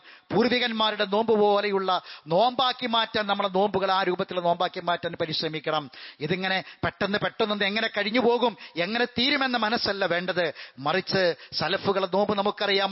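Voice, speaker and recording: A man with a high, ringing voice delivers a fervent Friday sermon in a mosque. He repeats key phrases for emphasis and slips into chanted Arabic verses. The recording sounds dull and lo-fi. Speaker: Friday preacher.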